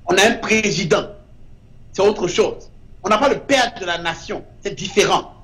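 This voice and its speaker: A man's voice: high-pitched, normal speed, fairly bright tone. A man, a guest artist in an interview, speaking with emphasis and repeating short verdicts. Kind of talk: impassioned interview talk.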